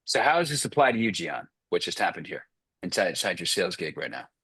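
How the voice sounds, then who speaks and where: A man's voice: low-pitched, very animated, fast talker, a bit bright, husky, no echo. A man coaching sales closers on a group video call, blunt and profane, firing off short commands.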